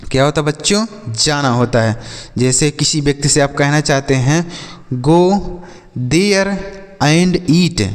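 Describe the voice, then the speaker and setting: Indian guy teaching english, spells words out, echoey room. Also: on the high side. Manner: spells words letter by letter, then repeats example sentences very slowly. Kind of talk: slow spoken-English lesson.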